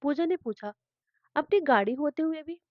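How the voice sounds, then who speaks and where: A woman's voice: sits high, animated, moderate pace, no echo, dull audio. A woman telling a family drama story as a narrator, reading all the characters' lines in her own voice.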